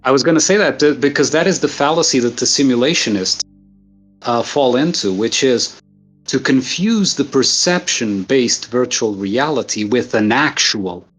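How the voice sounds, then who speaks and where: A man's voice: medium pitch, moderate pace, soft background music. A man from Portugal, earnestly explaining ideas at length with everyday examples in a casual philosophical conversation. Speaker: guest thinker.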